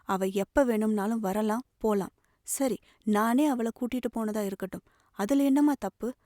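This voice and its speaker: A woman's voice: a little high, normal speed, mellow, dry recording, studio quality, natural voice. A woman reading the part of a young man, a tender, protective elder brother pleading earnestly. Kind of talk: audiobook novel reading.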